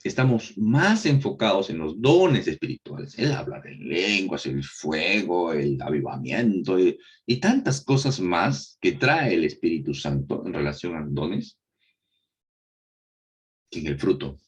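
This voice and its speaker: Man teaching, lively rhetorical questioning. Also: low voice, unhurried. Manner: asks rhetorical questions and answers them himself; repeats key phrases for emphasis. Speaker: Bible course teacher. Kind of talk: recorded Bible lesson.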